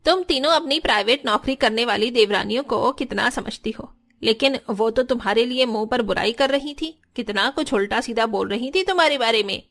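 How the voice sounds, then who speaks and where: A woman voicing a scheming aunt-in-law in a dubbed cartoon, with a sly, sharp-tongued manner. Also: on the high side, brisk. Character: scheming meddling aunt-in-law stirring up family fights. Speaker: voice actor.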